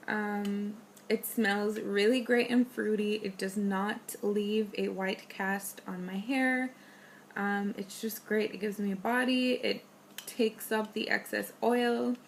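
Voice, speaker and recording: A young woman talks through her monthly beauty favorites in a loose, gushing chat full of ums and likes. Her voice is a bit hoarse, with a gravelly vocal fry running through her everyday pitch. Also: slight background noise. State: losing her voice. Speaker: beauty vlogger. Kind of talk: casual product favorites chat.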